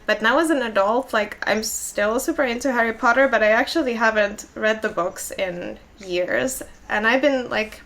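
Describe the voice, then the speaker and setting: Speaking at a moderate pace with barely any pauses, this young adult podcast co-host from Finland keeps things chatty, full of "like" and little laughs. She's a native Finnish speaker with a slightly bright, higher-pitched voice.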